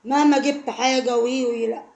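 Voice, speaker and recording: An Egyptian woman talks quickly and earnestly, pressing heartfelt advice on her viewers again and again. Her voice sits a little high with a gravelly edge. The room around her adds a noticeable echo. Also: steady tone, darkish tone. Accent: Egyptian Arabic. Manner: emotional, repetitive, pleading. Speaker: vlogger.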